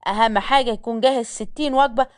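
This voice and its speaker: A woman's voice: a little high, fast talker, lightly acted. A woman voicing a harsh young man who is the boss, giving orders in a scolding, commanding Egyptian manner.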